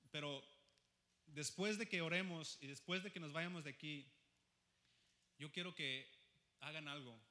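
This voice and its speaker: Bright-voiced young male preacher, fervent. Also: mid-range voice, long reverb tail. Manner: switches between Spanish and English, swings from soft pleading to loud fervent calls. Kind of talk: sermon.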